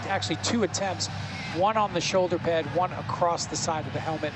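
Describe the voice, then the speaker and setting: A man's voice: a little high, brisk. A man, an officiating expert, explaining a ruling off the cuff and restating his key points. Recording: heavy background stadium noise.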